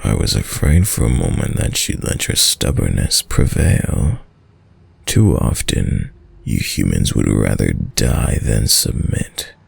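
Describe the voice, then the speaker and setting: With no echo on the recording, a man performs a dominant, predatory vampire lord for an intimate audio roleplay, lingering over each word in a very deep, gravelly voice. It's heavily acted, sing-song and slow, courtly and seductive yet menacing, with a smug, silky mood.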